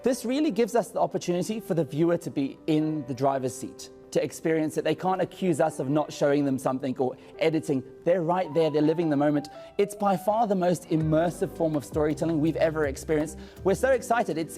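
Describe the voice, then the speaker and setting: A journalism instructor with a high-pitched, darkish voice delivers an eager, conversational lecture to camera about journalism, speaking straight to viewers.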